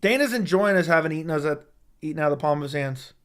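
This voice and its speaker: With a fairly high pitch and a hoarse, failing voice, a young man who hosts an MMA YouTube channel chats casually on a fight-sports livestream. News sets him off easily, and he swears readily as he responds.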